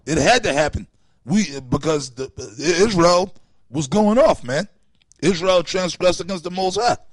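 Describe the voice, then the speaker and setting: A man's voice: high-pitched, animated, a little slow, dry recording. A man in an open religious forum, reading scripture aloud and scolding his critics in a profane, confrontational way. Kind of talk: preaching, reading scripture with commentary.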